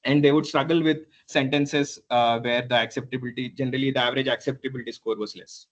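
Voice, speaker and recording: A man presenting a PhD thesis defense in a halting, hedging academic way, often repeating words and clearing his throat. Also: medium pitch, steady tone, dull audio. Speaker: PhD candidate.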